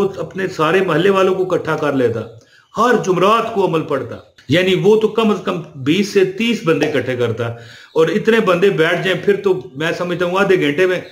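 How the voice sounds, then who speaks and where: Religious speaker, male, slightly high voice, chatty, roomy echo. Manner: chatty, addresses listeners with "ji" fillers. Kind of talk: casual spiritual talk to camera.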